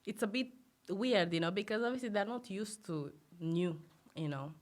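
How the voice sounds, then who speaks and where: In this casual interview chat, a guest musician, a young woman born in Greece who grew up in Romania, talks at a normal speed with a medium-pitched, animated voice. Her manner is relaxed, full of fillers and frequent laughter.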